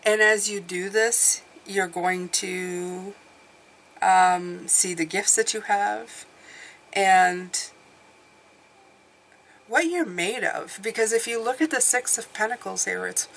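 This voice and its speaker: A woman giving a casual mystical horoscope card reading as a tarot reader, musing and pausing as she thinks aloud, indoors at a table. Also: medium pitch, vocal fry, a little hiss or hum. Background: soft classical music.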